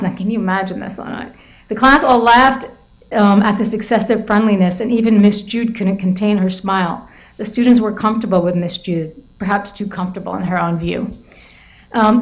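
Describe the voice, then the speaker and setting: A middle-aged American woman with a medium-pitched, slightly mellow voice gives an academic lecture about her book. She tells classroom anecdotes with plenty of hedging and restarts, and the recording is low quality.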